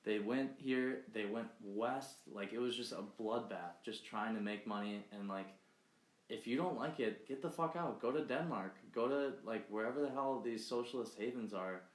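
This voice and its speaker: A man's voice: mid-range voice, normal speed. A young man co-hosting a podcast, talking politics in a blunt, heated way and swearing freely. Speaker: podcast co-host. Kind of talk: casual political chat. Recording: echoey room.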